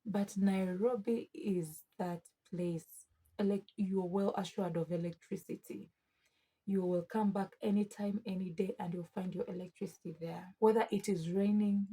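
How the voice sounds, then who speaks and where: Casting: young woman vlogger, Ugandan East African accent, mellow husky tone, chatty and emphatic delivery. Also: lowish voice, poor audio. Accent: Ugandan East African English. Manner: emphatic, expressive, often addressing listeners as friends. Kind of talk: casual chatty vlog addressed to viewers.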